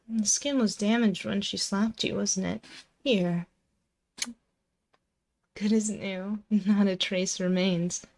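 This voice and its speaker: Through a close binaural microphone, a woman plays a possessive, dominant, seductive female demon in an intimate ASMR roleplay, by turns commanding, teasing and doting. Her voice is medium-pitched and a little mellow.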